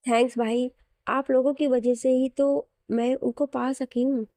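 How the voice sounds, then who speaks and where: A woman's voice: high-pitched, level tone, measured pace, no room sound, studio quality. A woman voicing a shy young bride. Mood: gentle. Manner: gentle, bashful.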